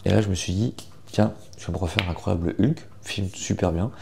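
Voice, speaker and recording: A young man chatting casually in a morning vlog, informal and self-deprecating, with a gravelly morning voice full of vocal fry. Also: deep voice, fairly quick, noisy background. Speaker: vlogger.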